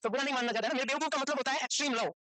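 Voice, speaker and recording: A man teaching a medical course, lecturing in a chatty, joking way and quizzing students with quick questions he answers himself. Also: extremely high pitch, pushed and bright, rough recording. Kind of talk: lecture to a class, mixed with casual chat. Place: classroom with students present and online.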